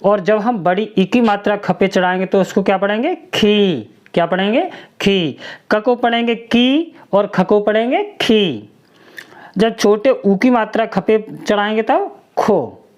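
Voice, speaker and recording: A woman teaching a children's alphabet lesson, slowly sounding out each syllable and asking the listener to repeat it. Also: medium pitch, animated, darkish tone.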